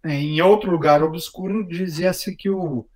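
Dry, ironic Brazilian podcast co-host. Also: male voice, high voice, fairly even intonation, measured pace, a little mellow. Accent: Brazilian Portuguese. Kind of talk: casual comedic chat.

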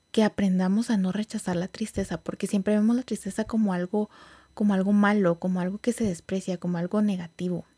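A woman talks casually in a relaxed, reflective monologue, hosting her own show. Her voice is mellow and warm, and she often drops into soft, half-whispered asides. The recording is dry and close, with no room sound. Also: medium pitch, no echo. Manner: conversational, with frequent fillers and soft whispered asides. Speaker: podcast host.

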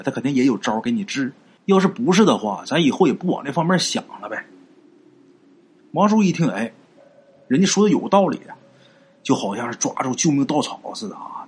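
A man's voice: medium pitch, breathy edge. A man telling a folk ghost story in a chatty, conversational way, with asides to his online listeners.

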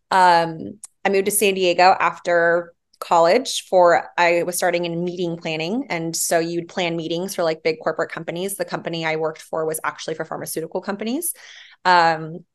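A woman in her thirties speaks as a podcast guest with a somewhat low voice. Her delivery is animated and chatty, full of fillers and quick laughs. She sounds relaxed and conversational. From Hawaii, raised later in Arizona. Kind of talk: casual conversational interview.

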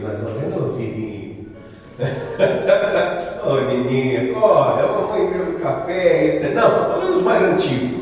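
Guy preaching a sermon, pretty high voice, super lively, far off the mic in a boomy hall, bit of music underneath. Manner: animated and emphatic, with rhetorical questions and acted-out dialogue.

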